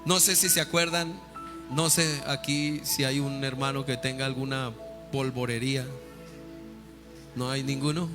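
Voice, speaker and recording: A male pastor preaching a sermon with call-and-response questions, building to loud fervent peaks. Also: medium pitch, level tone, unhurried, long pauses. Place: church sanctuary. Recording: reverberant church hall with faint music.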